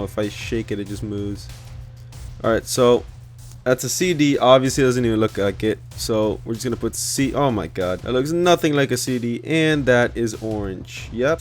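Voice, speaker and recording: A man doing casual, informal gaming commentary, rambling as he thinks out loud. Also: mid-range voice. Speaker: gaming video creator. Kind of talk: casual screen-recorded commentary. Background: background music.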